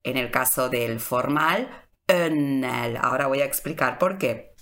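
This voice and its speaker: A woman's voice: a bass voice, unhurried, fairly bright tone. A woman giving a radio language lesson. She patiently repeats each example word several times. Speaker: Hungarian language teacher.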